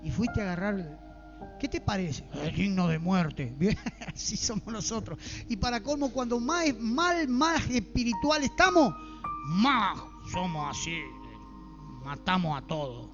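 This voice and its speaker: A man's voice: sits high, animated, unhurried, lo-fi sound, over music. A man with an Argentine accent preaching a fervent sermon in church and asking the congregation rhetorical questions.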